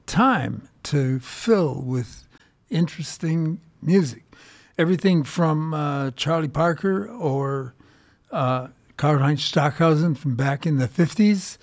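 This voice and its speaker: American man, gravelly voice, slow pace, somewhat raised pitch, rambling music commentary, halting musing radio host. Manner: halting, musing delivery with repeated words and trailing thoughts.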